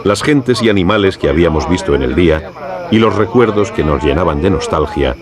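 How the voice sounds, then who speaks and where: A man with a Castilian Spanish accent reads scripted nature documentary narration in a measured, formal storytelling way. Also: low-pitched, animated, crowd noise. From Spain. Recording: clear background noise with insect ambience.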